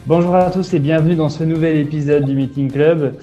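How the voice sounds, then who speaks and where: A man's voice: on the high side, steady tone, a little fast, warm tone, muffled recording, soft background music. A man hosting a podcast interview, talking with many hesitations and fillers. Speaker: podcast host.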